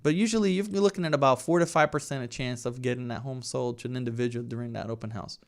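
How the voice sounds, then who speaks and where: Here a real estate team leader from Brazil, in his thirties, chats casually as an interview guest in a mid-range voice at a brisk pace. His accent is Brazilian Portuguese, and he tends to finish his points by adding "right?".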